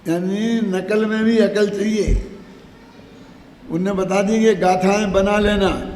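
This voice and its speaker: High-voiced older man lecturing in an echoey hall. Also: mellow. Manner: explains slowly, chants verses, asks the audience questions. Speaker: Jain scripture lecturer. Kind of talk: scripture discourse. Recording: echoey hall, faint background noise.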